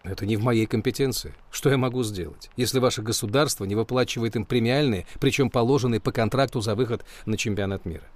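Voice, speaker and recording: A man's voice: mid-range voice, fast, hardly any pauses, lightly acted. A man playing a blunt, reflective middle-aged football coach in a film drama. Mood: firm, exasperated.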